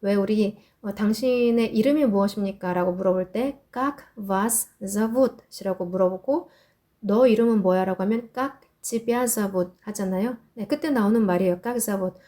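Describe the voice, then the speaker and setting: A woman teaching Russian as a host, reading phrases slowly and carefully, then explaining them briskly. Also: medium pitch, mellow. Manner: reads Russian slowly and deliberately, explains quickly in Korean. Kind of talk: language lesson explaining a quiz.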